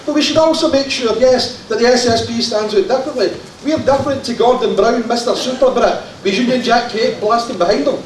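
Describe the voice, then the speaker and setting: Glaswegian man, fiery conference delegate, very high voice, shouts with jokes, boomy far-off hall. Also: brisk, hardly any pauses. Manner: impassioned, shouting, joking asides. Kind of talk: conference floor speech. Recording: echoey hall from far off, faint crowd and hiss.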